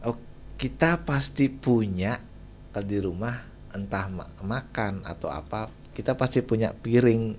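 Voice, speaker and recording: A man's voice: fairly low pitch, animated, a little slow, darkish tone, slight background noise. Chatty man explaining nutrition on radio. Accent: Indonesian (Balinese). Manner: chatty, laughs often, explains with homely examples. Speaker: nutritionist guest. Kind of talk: radio talk show interview.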